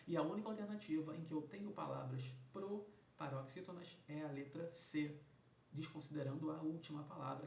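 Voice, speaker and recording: A man teaching an exam review lesson, who slows down and stresses words loudly when breaking them into sounds. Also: gravelly. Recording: echoey room, mic at a distance, faint rumble.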